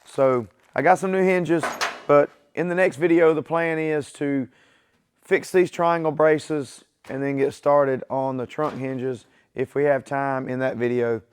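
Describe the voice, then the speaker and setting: A man hosts his own garage channel from his home workshop, chatting casually and plainly to viewers in a fairly high, clean voice that illness has left weak. His intonation stays fairly even and his pace measured, typical of easygoing workshop vlog talk.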